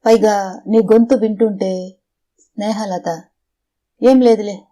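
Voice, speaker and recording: A woman's voice: medium pitch, steady tone, takes it slowly, warm tone, close to an everyday voice. A woman reading a lonely, talkative middle-aged father in an audiobook, her voice rising and falling as he rambles in fits and starts. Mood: lonely pleading.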